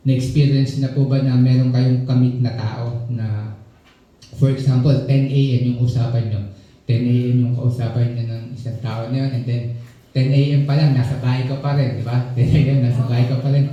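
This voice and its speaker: Dark-voiced Filipino pastor in an echoey hall. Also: male voice, mid-range voice, recorded from a distance. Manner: chatty and joking, keeps asking the congregation "di ba?". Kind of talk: conversational sermon. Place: church hall. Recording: very echoey, dull church room.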